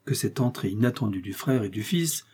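Mellow husky male audiobook narrator. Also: fairly low pitch, animated, fairly quick. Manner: dramatic novel reading. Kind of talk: scripted narration.

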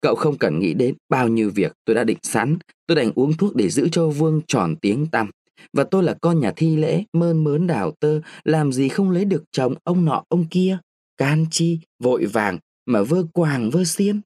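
A man's voice: on the high side, animated, normal speed, darkish tone, no room sound, studio quality, pitched above the performer's own voice. A man reading a story, voicing a proud young woman of eighteen who pleads and reproaches her lover. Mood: proud refusal.

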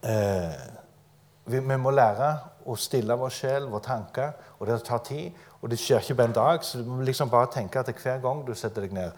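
A man preaches in an easygoing, folksy way to a congregation gathered in front of him. His voice sits at an ordinary middle pitch. He mixes homely personal stories with gentle humor, and it sounds like everyday talk rather than a formal address. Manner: conversational and folksy, with light humor. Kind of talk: informal live sermon. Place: church gathering before a live audience.

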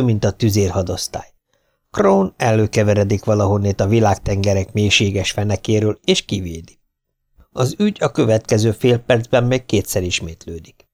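A man reading a first-person sports memoir aloud as an audiobook, with dry humor and lively voiced quotes. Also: on the low side, creaky. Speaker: audiobook narrator.

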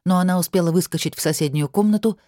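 A woman narrates a fantasy audiobook with a low, dark, mellow voice. Her delivery is steady and even, recorded dry and close with no room sound. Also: fast talker, dry recording.

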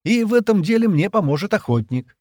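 A man's voice: high-pitched, animated, a little fast, a little mellow, no room sound, clean studio sound, voice pushed up. A man voicing a grumpy, tough male pilot who speaks curtly and firmly. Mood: stubborn. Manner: curt, firm, commanding.

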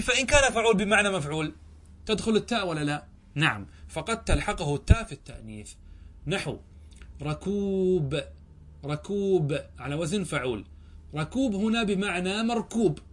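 Male teacher, slightly raised pitch, grammar lesson, reads then explains, keeps checking students follow. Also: a bit bright. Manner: explains step by step, asks and answers his own questions; reads the text aloud, then comments on it. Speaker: sheikh teaching Arabic grammar. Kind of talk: classroom lesson with questions to students.

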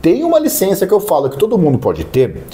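A man's voice: high-pitched, fast. A man co-hosting a podcast in casual chat, ranting and joking. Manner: ranting, animated, jokey. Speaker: podcast co-host.

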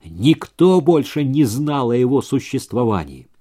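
A man voicing a furious, accusing male partner who snarls and shouts in a story reading. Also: mid-range voice, sing-song, unhurried. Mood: angry.

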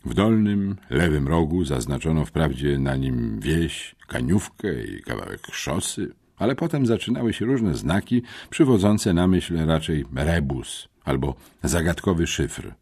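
A man narrates an adventure audiobook in the first person. His voice is very deep with a husky grain, and his delivery swings widely in pitch as he tells the story. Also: very animated, measured pace, darkish tone.

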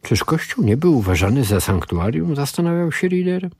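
A man reading a novel aloud on the radio, with lively, expressive storytelling. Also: a little high, moderate pace, breathy edge, no room sound, studio quality. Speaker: radio reader. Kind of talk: dramatic audiobook reading on radio.

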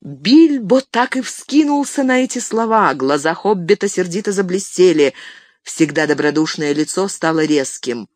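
A narrator reading a fantasy story aloud in an unhurried storytelling manner. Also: medium pitch, animated, dry recording, studio quality. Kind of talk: audiobook reading.

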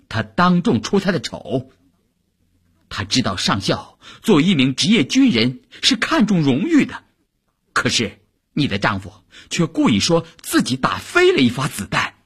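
A jealous male officer who sneers at a rival, his husky voice jumping up in agitation, as a man reads him in an audiobook. His pitch lurches widely from word to word. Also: wildly swooping pitch, normal speed, a bit bright, heavily acted. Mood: sneering.

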